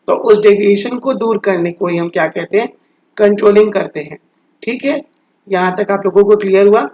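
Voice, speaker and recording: A man with a high-pitched voice teaches a commerce lesson, taking students through each point. He often puts a question to the class and answers it himself, and he slows right down for key definitions as if dictating. The recording sounds dull and lo-fi. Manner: explains step by step, often asks and answers his own questions; drags out English definitions slowly, as if dictating.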